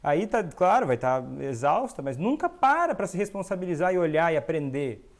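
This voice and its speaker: Lively high-voiced Brazilian man explaining. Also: normal speed. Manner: acts out quoted voices of children and parents. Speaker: host, doctor. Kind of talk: educational monologue.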